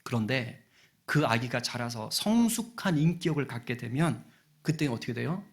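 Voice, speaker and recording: A man, the senior pastor, preaching a sermon with animation, acting out people's prayers and dropping to hushed asides. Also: medium pitch, lively intonation, moderate pace.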